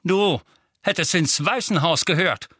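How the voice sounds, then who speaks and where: A man's voice: on the high side, a little slow, bright, forceful tone, slightly rough, no echo, studio quality, pitched above the performer's own voice, full character voice. A man voicing a bullying, red-faced middle-aged uncle who bellows furiously in a storybook reading.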